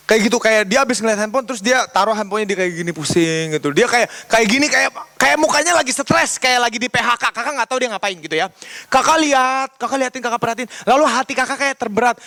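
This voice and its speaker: A man's voice: very high voice, bright, forceful tone. A young man giving a casual youth sermon, telling a story and acting out the dialogue in a chatty way. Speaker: youth pastor. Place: church youth service.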